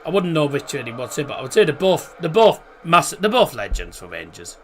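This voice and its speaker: A man hosting a casual live football watchalong, pronouncing his R's like W's, chatty and halting as he corrects himself. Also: fairly high pitch, wildly swooping pitch, slight background noise. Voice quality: can't pronounce R's, says them as W. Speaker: football watchalong streamer and host. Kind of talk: casual live match commentary and chat.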